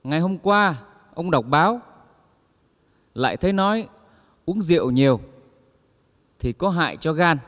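Male stand-up storyteller, higher-pitched, voices the characters in his jokes; long reverb of a large hall. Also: a little slow, long pauses. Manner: lively storyteller acting out quoted characters. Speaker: comedian telling jokes on stage. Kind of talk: stand-up joke telling.

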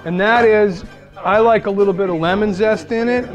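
High-voiced Massachusetts man cooking. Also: normal speed, muffled recording. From Massachusetts, USA. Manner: chatty, explains steps as he cooks, laughs at himself. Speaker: host cooking for dinner guests. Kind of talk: casual cooking demonstration. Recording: music playing behind the voice.

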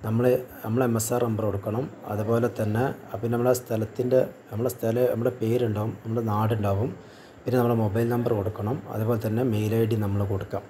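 A man's voice: fairly low pitch, flat delivery, fast talker, mellow, a little hiss or hum. A man walking viewers step by step through an online task, often asking and then answering his own questions. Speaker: tutorial vlogger. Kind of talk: screen-recorded how-to walkthrough.

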